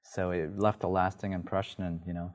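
A man's voice: sits low, flat delivery, brisk. A man from Vietnam, a guest on a studio talk show, speaking hesitantly with many fillers. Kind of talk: casual studio interview.

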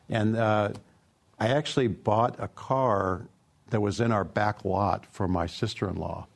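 A middle-aged man, a car company product executive, answering interview questions in a relaxed, storytelling way with plenty of fillers. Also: on the low side, vocal fry.

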